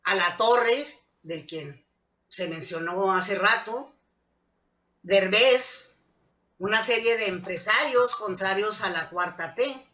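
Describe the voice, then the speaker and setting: A woman's voice: medium pitch, slow, sharp tone, muffled recording. A woman, a panelist speaking hesitantly with many fillers. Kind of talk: panel discussion.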